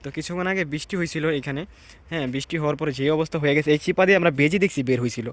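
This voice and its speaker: A man gives a hushed, reflective walking tour of an outdoor graveyard, pausing to read the graves aloud. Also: a little high, no echo. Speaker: vlogger. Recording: outdoor ambience noise.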